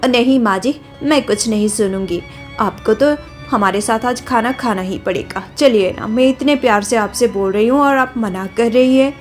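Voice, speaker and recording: A woman's voice: on the high side, normal speed, soft background music, natural voice. A young woman voicing a caring, coaxing daughter-in-law in a cartoon story. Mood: sweet.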